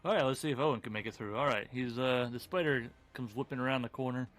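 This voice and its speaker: A man's voice: mid-range voice, quick pace, a bit bright. Laid-back game master man on voice chat. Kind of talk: running a tabletop game over voice chat. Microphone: home computer mic on a voice call.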